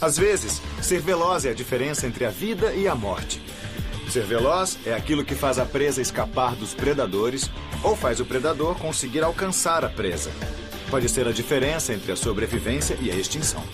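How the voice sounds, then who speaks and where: A man's voice: mid-range voice, lively intonation, normal speed. A man with a Brazilian accent giving explanatory commentary in a documentary. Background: music.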